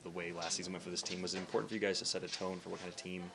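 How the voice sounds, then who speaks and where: A man's voice: deep voice, little pitch movement, creaky, crowd noise. A male reporter asking a long question in a locker room scrum. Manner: rapid, long-winded question. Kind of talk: press question. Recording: background noise.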